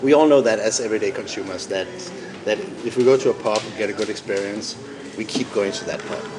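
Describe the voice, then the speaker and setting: A Danish founder and CEO, guesting on a business podcast, answers interview questions in a fairly low voice at a quick pace. He lays out his points steadily but often restarts phrases. The room is noisy, with crowd sound behind him.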